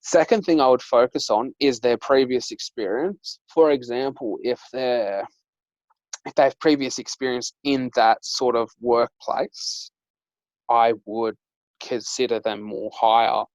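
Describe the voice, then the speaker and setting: A man's voice: medium pitch, a little slow, no room sound, poor audio. Chatty young man, dry sound. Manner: chatty storyteller, lots of "like" and "um". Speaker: dating coach and host. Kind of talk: casual chat.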